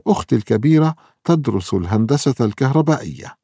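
A man's voice: medium pitch, lively intonation, fast, warm tone, slightly rough, no echo, clean studio sound, voice pushed up. A man voicing a clever young girl who speaks in a self-assured manner. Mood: confident.

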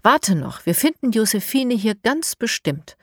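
A woman's voice: on the high side, a little slow, breathy edge, no echo, clean studio sound, voice pushed up, heavily acted. Woman doing an eager young boy. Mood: excited. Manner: excited, breathless.

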